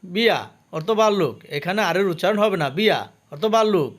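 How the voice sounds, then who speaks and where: High-voiced man drilling English words. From Bangladesh. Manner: slow, careful drill with pronunciation notes. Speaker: English teacher. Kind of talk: vocabulary lesson, repeating each word twice.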